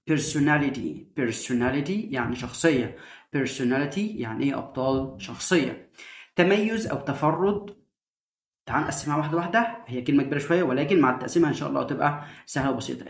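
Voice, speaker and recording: A male English teacher with an Egyptian Arabic accent runs through a word list, stretching out each English term and repeating it for students to copy. His voice sits at a middle pitch and rings a little in an echoey room. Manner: drills pronunciation slowly, repeating words for students; addresses students as heroes. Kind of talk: vocabulary lesson for middle schoolers.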